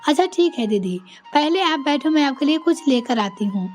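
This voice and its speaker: A woman's voice: high-pitched, expressive, moderate pace, slight background noise. A woman voicing a boastful middle-aged woman who complains about her daughter-in-law, in a storybook tale.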